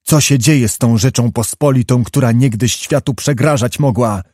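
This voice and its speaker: A man's voice: medium pitch, normal speed, a little mellow, dry recording, clean studio sound, natural voice. A man voicing a proud, embittered middle-aged prince who pleads and commands with grave passion. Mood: bitter.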